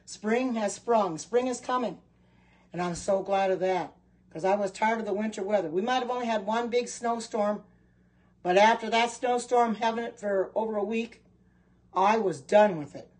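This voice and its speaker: Chatting easily on her livestream, this middle-aged kitchen products seller from Oregon reads viewer comments aloud and responds to each in turn. She has a mid-range, slightly mellow voice at a moderate pace, captured in a low-quality recording.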